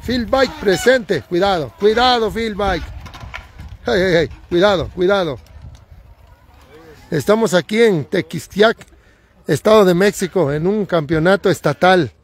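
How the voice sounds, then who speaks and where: A man with a Mexican accent giving excitable live commentary outdoors on a hillside, recorded on a handheld phone, repeating warnings and catchphrases. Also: high voice, unhurried, pauses often. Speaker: livestream commentator. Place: outdoors on a hillside race course.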